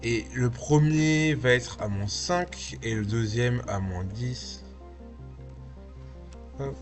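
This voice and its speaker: A man in his thirties with a slight lisp, giving a casual, step-by-step software tutorial and thinking aloud. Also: mid-range voice, slow, soft background music. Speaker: tutorial host, video artist and VJ. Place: small indoor home studio.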